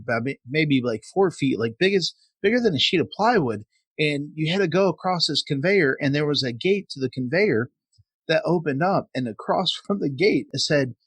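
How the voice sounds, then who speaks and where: A man co-hosting a workplace safety podcast, telling a story from his past work in a casual, lively way. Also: a little high, husky, no echo. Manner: storytelling, animated when quoting. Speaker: podcast co-host.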